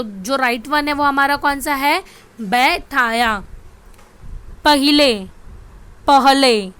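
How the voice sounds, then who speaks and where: Slow, bright-voiced woman teaching spelling. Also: high-pitched. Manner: repeats each word, asks if students can see. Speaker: Hindi grammar teacher. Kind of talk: slow classroom spelling lesson.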